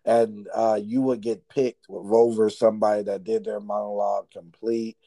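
Male interview host, chatty and encouraging, lowish voice, dry close sound. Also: level tone, moderate pace, vocal fry, warm tone, dry recording. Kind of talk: casual interview chat.

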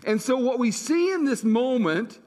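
A male pastor with a notably high voice tells his sermon like a story, circling back and repeating key phrases for weight. His voice carries a long hall reverb. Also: lively intonation, normal speed, a little mellow. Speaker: senior pastor.

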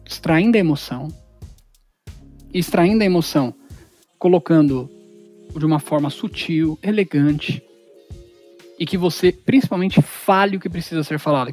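A communication instructor, teaching in a loose, slangy lecture style. The pitch swings widely as the speaker acts out quoted examples in different voices. Soft music plays in the background. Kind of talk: informal lecture.

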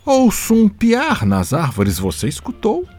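Guy doing a big dopey hungry monster, slow and drawn out, kinda husky. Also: high-pitched, wildly swooping pitch, darkish tone, faint music behind, voice pushed up, full character voice. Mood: hungry, wary.

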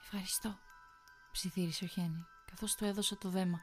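A woman narrating a horror story in a measured, tense storytelling manner. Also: lowish voice, fairly even intonation, faint music behind.

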